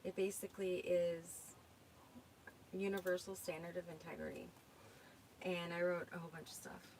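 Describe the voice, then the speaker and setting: A woman's voice: lowish voice, lively intonation, normal speed, darkish tone, rough recording. A woman with a Minnesota accent hosting a casual livestream, reading viewer comments and thinking aloud as she searches for things. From United States. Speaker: livestream host. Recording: faint background noise.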